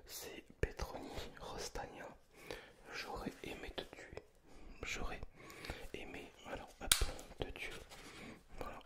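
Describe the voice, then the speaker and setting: A man whispering in a hushed, breathy library whisper, chatting informally and hesitantly about things in ASMR style. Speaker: ASMR video creator. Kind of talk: whispered ASMR book chat.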